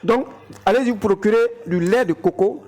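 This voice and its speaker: A woman's voice: mid-range voice, moderate pace, darkish tone. A woman giving an instructive health talk and demonstration, addressing viewers directly as an educator.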